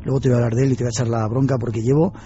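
Brief: male radio host, quick chatty delivery, mellow tone, dull lo-fi broadcast sound. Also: medium pitch, level tone, slight background noise. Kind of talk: radio interview.

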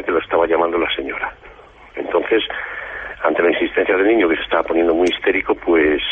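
A man, a guest author on a radio talk show, recounting events slowly with frequent hesitations, speaking. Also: low-pitched, breathy edge. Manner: slow, measured recounting with hesitations. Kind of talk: radio interview, storytelling. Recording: lo-fi phone-like radio line.

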